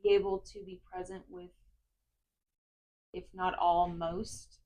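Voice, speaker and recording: A woman calmly explaining a grounding exercise step by step, in the instructional way of a therapist. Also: on the low side, slow, poor audio.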